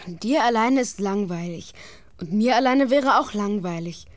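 A woman's voice: mid-range voice, expressive, measured pace, no echo, studio quality, close to an everyday voice. A woman playing a loyal, caring young boy with schemes of his own in a children's audio drama, earnest and boyish. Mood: plotting.

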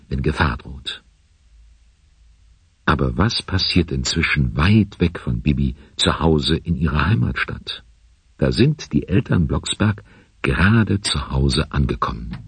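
A man narrating a children's radio play in a measured, suspenseful storytelling manner. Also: very deep voice, slightly rough, dry recording.

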